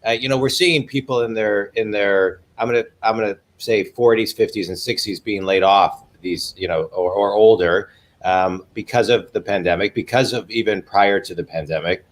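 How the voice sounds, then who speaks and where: Forties male host, lowish voice, eager and repetitive, interviewing over a video call. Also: normal speed. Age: 40s. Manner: eager, repeats words when starting a thought. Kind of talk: livestream business interview.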